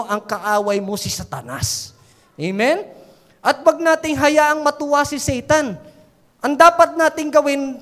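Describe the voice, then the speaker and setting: High-voiced woman preacher in a reverberant church. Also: fairly bright tone. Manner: storytelling preacher, often prompting the congregation for a response. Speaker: pastor. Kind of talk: sermon. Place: church sanctuary.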